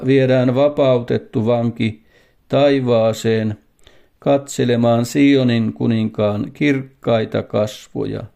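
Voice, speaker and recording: Male preacher with a gravelly, darkish voice, solemn and emphatic sermon delivery. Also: medium pitch, dark tone.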